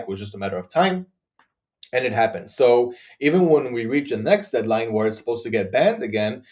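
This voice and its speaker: A man's voice: fairly low pitch, darkish tone. A man in his thirties hosting a casual live stream, answering viewer questions with many fillers and restarts. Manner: chatty, frequent "uh" fillers and restarts. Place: small dark room, indoors.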